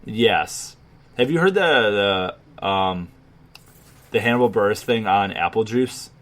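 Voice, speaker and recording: A man's voice: on the low side, expressive, slow pace, fairly bright tone. A man in his twenties from Chicago, co-hosting a casual podcast chat, rambling and swearing, with lots of fillers. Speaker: podcast co-host.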